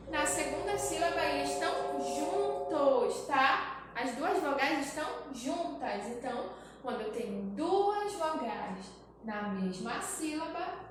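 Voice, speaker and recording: A woman's voice: high-pitched, lively intonation, slow pace, music in the background. A woman teaching a grammar lesson to young children, repeating each point and checking in with "tá?". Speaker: primary school teacher. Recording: very echoey room, voice from a distance, faint noise.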